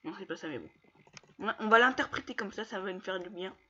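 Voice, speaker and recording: A man commenting casually on his own online matches, taunting opponents and breaking into excited yells. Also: sits high, fast, muffled recording. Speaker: gamer streaming gameplay.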